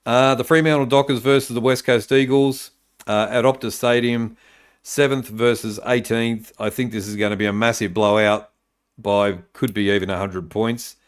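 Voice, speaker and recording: A man's voice: mid-range voice, fairly even intonation, normal speed, clear, resonant tone. A man hosting a casual sports podcast, talking loosely with lots of fillers while reading out viewer tips. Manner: loose and rambling, many fillers. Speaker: podcast host.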